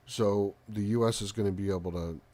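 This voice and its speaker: A soft-spoken man hosting a live stream with casual commentary, halting often with pauses and ums. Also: on the low side, steady tone. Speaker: live talk show host.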